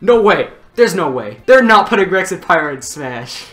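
A hyped-up young woman giving a live reaction to a game trailer, exclaiming excitedly and swearing freely. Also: on the low side, moderate pace. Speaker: reaction video creator. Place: small room at home. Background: game trailer music.

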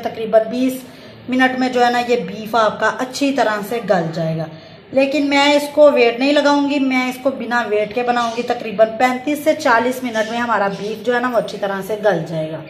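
In casual step-by-step narration, a woman on a home cooking channel chats politely through a recipe and peppers it with blessings. She sounds a little high-pitched. Her phone captures the kitchen's echo along with some faint hiss or hum.

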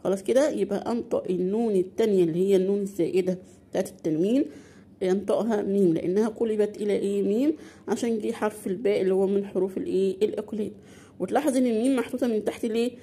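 Egyptian woman teaching, mellow voice. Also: mid-range voice, breathy edge. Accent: Egyptian Arabic. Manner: asks questions and answers them herself, stretching out example words slowly. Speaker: Quran recitation teacher. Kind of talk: tajweed lesson for beginners.

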